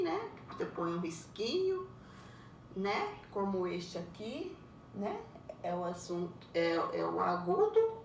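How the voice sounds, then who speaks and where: Slow patient woman teacher. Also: a little high, pushed and bright. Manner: patient, explains step by step, ends phrases with a tag question. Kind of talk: recorded lesson for young pupils. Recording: roomy echo, far from the mic, faint background noise.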